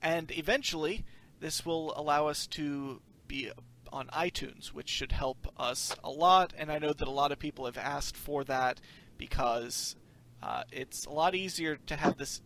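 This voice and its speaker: A man's voice: mid-range voice, fairly even intonation, moderate pace, a bit bright, slight background noise. A man hosting a casual podcast chat, introducing the panel and making announcements. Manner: chatty, running the show with announcements. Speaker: podcast host.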